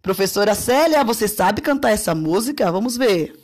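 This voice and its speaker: A woman's voice: mid-range voice, expressive, moderate pace. A woman, a preschool teacher talking in a playful, singsong way to young children. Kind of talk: lively talk to young children.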